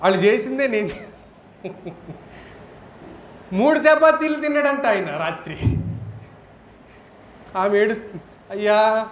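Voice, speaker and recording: A male preacher delivers a sermon in a high voice, firing question after question and climbing into forceful emphatic peaks. He is recorded in an echoey hall with faint background ambience. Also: animated, slow pace, pauses often, a little hiss or hum. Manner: rhetorical questions, rising to emphatic high bursts.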